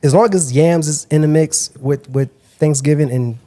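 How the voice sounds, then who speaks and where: Teasing male co-host, a bit high-pitched, playful banter. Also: normal speed, mellow. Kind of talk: casual chat.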